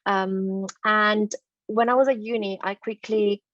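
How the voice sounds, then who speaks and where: Speaking a little slowly in a steady, mid-range voice that's a bit bright, this Italian-accented dentist from northern Italy presents an online masterclass on a video call. The lo-fi audio has no room sound, and her delivery is chatty, packed with fillers and restarts.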